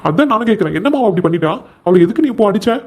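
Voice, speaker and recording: A young cartoon husband, voiced by a man, firm and pleading by turns as he reasons with his mother. His voice sits high for a man, and he races through his lines at a breakneck pace. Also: lively intonation, racing, darkish tone. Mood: concerned. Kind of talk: comic cartoon voice acting.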